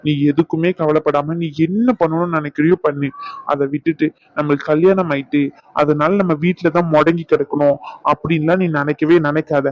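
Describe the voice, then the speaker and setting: A man's voice: fairly high pitch, steady tone, a little fast, no room sound, natural voice. Man acting as caring younger brother, reassuring, fond teasing, dull dry sound. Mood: earnest. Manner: reassuring, warm-hearted teasing, affectionate scolding. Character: caring younger brother comforting his sister. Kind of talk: family drama acting.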